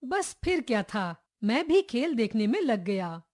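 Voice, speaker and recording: Woman reading a kids' textbook story, lots of pitch swings, acts out the lines. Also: measured pace. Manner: expressive, acts out each character's lines. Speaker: textbook chapter reader. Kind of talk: storytelling read-aloud for children.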